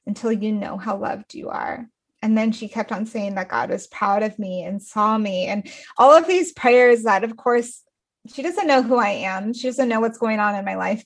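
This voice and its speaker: A woman's voice: mid-range voice, creaky. A woman in her thirties, a guest author in a podcast interview, telling a personal story in an earnest, emotional way with many restarts and fillers. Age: 30s.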